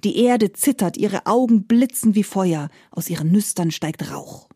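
Woman, storyteller, lively narration, medium pitch, dry sound. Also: unhurried, breathy edge, no room sound. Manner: lively, acting out characters' lines. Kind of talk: fairy-tale narration.

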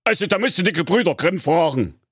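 A man's voice: high-pitched, lively intonation, normal speed, a bit bright, no echo, studio quality, voice pushed up. A man voicing a choleric, round old king, blustering and ranting. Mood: grumpy.

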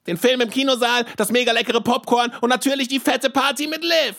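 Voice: mid-range voice, fairly even intonation, brisk, a bit bright, lightly acted. A performer voicing a cheerful little rapping creature in a children's show, talking in bubbly, youthful slang. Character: cheerful little creature who raps, friendly helper.

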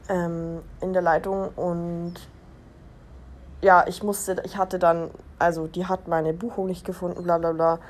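Speaking in a lowish, darkish voice, a young German woman delivers a relaxed podcast monologue as host. Her talk is chatty and full of giggles, wandering off and interrupting itself along the way.

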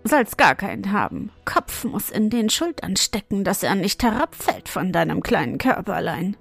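A woman voicing a hoarse, spiteful old witch who mutters and mocks in a storybook reading. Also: medium pitch, very animated, normal speed, faint music behind, heavily acted. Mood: mocking. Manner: muttering, mocking.

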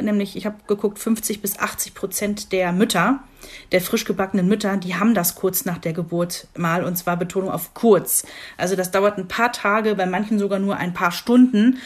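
A young woman co-hosting a podcast in a relaxed, chatty way. She laughs easily and pokes fun at herself as she talks. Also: medium pitch, normal speed. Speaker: podcast co-host. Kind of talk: casual podcast chat.

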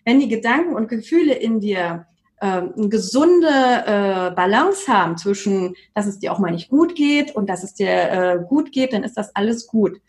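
A woman's voice: mid-range voice, lively intonation, moderate pace, a little mellow. Earnest, reflective woman guest. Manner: earnest and reflective, with frequent "ähm" fillers and repetitions. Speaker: yoga teacher, podcast guest. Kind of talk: casual conversational interview.

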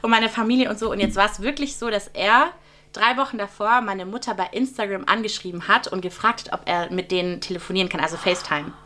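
A woman's voice: mid-range voice, fast. A young woman, a podcast guest, telling a personal story casually and acting out the dialogue. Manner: lively retelling full of quoted dialogue and fillers.

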